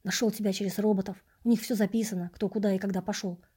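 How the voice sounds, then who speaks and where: A quiet, pleading homeless man speaks low and soft, as a woman reads him for an audiobook. His voice stays mellow and dark, never rising above a murmur. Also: steady tone, fast, husky, lightly acted. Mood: hushed. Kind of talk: audiobook reading.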